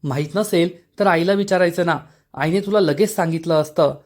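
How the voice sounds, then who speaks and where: A man's voice: a little high, moderate pace, darkish tone, close to an everyday voice. A man reading the lines of an irritable young husband who snaps and complains. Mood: furious. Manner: snappish, complaining.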